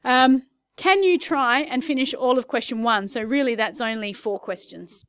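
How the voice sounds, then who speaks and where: Woman teaching a class, slightly high voice, chatty and self-correcting, recorded dry. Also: moderate pace, fairly bright tone, no echo. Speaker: maths teacher. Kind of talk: classroom lesson.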